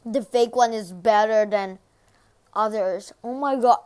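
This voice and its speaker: A woman films a casual ASMR eating vlog on a phone, speaking slowly in a slightly high voice. She is chatty and giggly, slipping into whispers between loud, delighted reactions. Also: clear, resonant tone. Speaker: vlogger.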